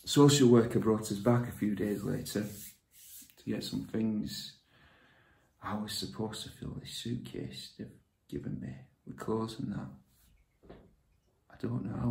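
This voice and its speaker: A man playing a gravelly, hushed confessor. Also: fairly low pitch, exaggerated voice. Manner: halting, hushed, confiding, drops to whispers. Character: withdrawn man raised by his grandmother, confessional. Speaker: actor performing a monologue. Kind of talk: dramatic monologue. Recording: echoey room.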